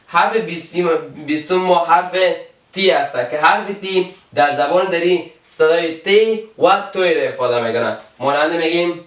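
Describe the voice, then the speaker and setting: Male teacher with an Afghan Dari accent, slightly high, patient and repetitive, mic set back in an echoey room. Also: fairly bright tone. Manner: slow, repeats each example word. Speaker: English teacher. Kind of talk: alphabet pronunciation lesson. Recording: roomy, from a distance.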